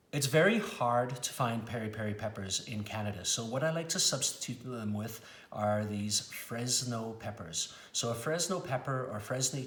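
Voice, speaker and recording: A middle-aged male chef from South Africa walks through a recipe at a steady middle pitch, friendly and explanatory, with the odd "um" along the way. The kitchen around him rings with noticeable room echo. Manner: friendly, explanatory, with frequent "um" fillers. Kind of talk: cooking demonstration.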